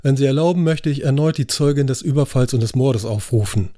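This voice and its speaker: A man's voice: medium pitch, a little fast, warm tone, no echo, studio quality, voice pushed up, close to an everyday voice. A man voicing a driven prosecutor in an audiobook, firm and authoritative. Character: commanding, driven male prosecutor.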